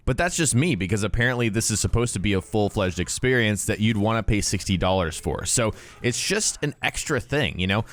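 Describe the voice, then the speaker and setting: A man's voice: on the low side, dry recording. A man talking casually to viewers as a gaming YouTuber, explaining things conversationally and stressing key words, close to the microphone. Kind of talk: casual talk to viewers about a video game.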